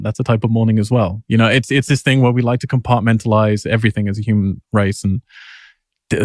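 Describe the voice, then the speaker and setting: Fast-talking passionate man. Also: medium pitch, no echo, studio quality. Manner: rapid, passionate, animated musing. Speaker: filmmaker guest. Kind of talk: interview.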